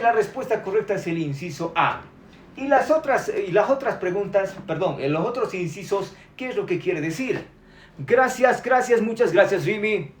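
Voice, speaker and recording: A man's voice: high-pitched, echoey room. A man teaching Quechua on a live stream, chatty and upbeat, reading out viewer comments and repeating words.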